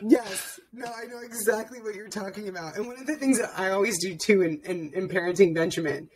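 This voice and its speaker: A woman's voice: medium pitch, fairly quick, crowd noise. A young woman hosting a podcast, chatting earnestly and emotionally, often restarting her sentences. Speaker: podcast host. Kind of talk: casual interview chat.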